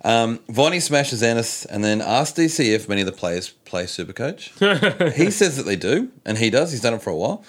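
A man chats through the sports week on a podcast. He tells stories with plenty of swearing, and his voice sits at an ordinary middle pitch. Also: very animated, fairly quick. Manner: swears freely, storytelling. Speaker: podcast co-host. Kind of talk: casual sports chat.

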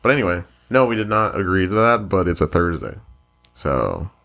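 A man's voice: low-pitched, normal speed, creaky. A young man co-hosting a podcast, chatting casually and joking, with lots of fillers. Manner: joking, filler-heavy, lively. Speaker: podcast co-host. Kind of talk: casual chat.

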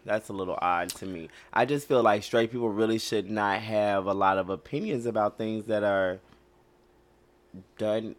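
Blunt, passionate young man hosting. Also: lowish voice. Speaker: podcast co-host. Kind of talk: casual podcast chat.

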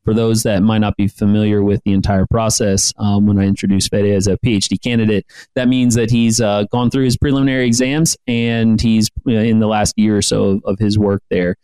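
A man's voice: fairly low pitch, fairly even intonation, brisk, warm tone, clear, resonant tone, dry recording, poor audio. A man hosting an interview podcast, rambling and friendly as he thinks aloud. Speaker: podcast host.

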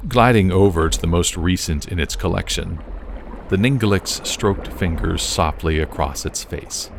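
Deep gravelly man narrating a story. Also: noisy background. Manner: slow, measured storytelling. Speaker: audiobook narrator. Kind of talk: scripted narration.

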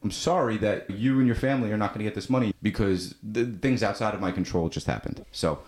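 A man in his thirties from New Jersey talks as a podcast guest. His voice sits low, and he races through his story. The talk rambles and is full of filler words. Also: fast talker, a little mellow. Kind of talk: casual storytelling.

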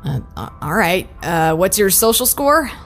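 A woman's voice: mid-range voice, big pitch swings, unhurried, fairly bright tone, faint music behind, heavily acted, low-quality recording. A woman playing a game master in an audio drama, narrating theatrically with flustered asides.

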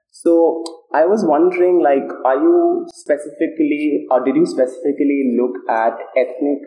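A man hosting a podcast interview, asking questions in a friendly, halting way with fillers. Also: mid-range voice, warm tone, roomy sound, poor audio. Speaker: podcast host. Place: on a university campus.

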